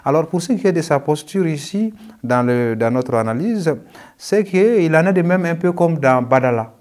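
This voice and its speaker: A man teaching a language lesson in a patient, explanatory way, often pausing on "euh" and adding "hein" to check in. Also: fairly high pitch, animated, a little mellow. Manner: frequent hesitations and tag "hein"; patient, repeats key points.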